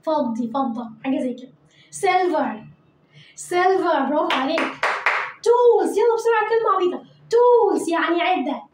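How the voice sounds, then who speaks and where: Egyptian woman, high voice, english teacher, repeats words slowly, echoey room. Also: animated, slight background noise. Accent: Egyptian Arabic. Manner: repeats each word slowly, coaxing pupils to say it after her. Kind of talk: vocabulary lesson for children.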